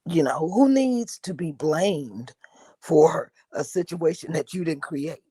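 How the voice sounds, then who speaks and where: A woman with a lowish, husky voice and a lively, swooping pitch gives her candid take on a reality TV episode. She talks in a loose, conversational way, peppered with "you know". The sound is dry and close. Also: slow, dry recording. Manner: candid, drops into quoted asides, frequent "you know". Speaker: panelist. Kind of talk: casual reality TV review chat.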